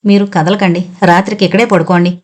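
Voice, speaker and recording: A woman's voice: fairly low pitch, fairly even intonation, fast talker, natural voice. A woman voicing a proud, defiant young village woman who speaks indignantly. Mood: earnest. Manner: indignant, fiery.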